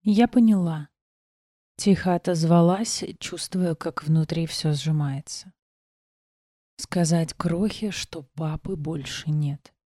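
A woman reading a first-person novel aloud as an audiobook, quiet and restrained, acting out the dialogue. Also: low-pitched, fairly even intonation, takes it slowly, no room sound, studio quality. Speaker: audiobook narrator.

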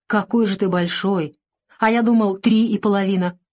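A woman's voice: mid-range voice, steady tone, moderate pace, close to an everyday voice. Brief: kind elderly professor, soothing and patient, woman narrator voicing him. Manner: gentle, soothing. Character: kind calm old male professor doctor.

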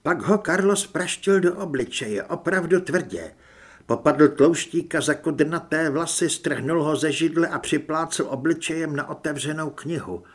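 A man narrating an audiobook in a measured, even storytelling manner. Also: a little high, slightly rough. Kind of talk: scripted narration.

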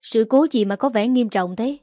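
A woman's voice: a little high, moderate pace, warm tone, dry recording, close to an everyday voice. Woman voicing a scolding mother-in-law, sarcastic, storybook figure, dry close sound. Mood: anxious questioning. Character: sharp-tongued middle-aged mother-in-law.

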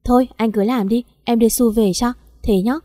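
A woman voicing a gentle, caring young woman who speaks softly and plainly in a story reading. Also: a little high, steady tone, a little fast, dry recording, clean studio sound, lightly acted.

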